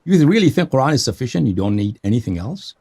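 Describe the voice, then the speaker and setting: A male host with a gravelly, husky voice that swings widely in pitch. He grills his caller with pointed, animated questions during a live debate show. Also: quick pace.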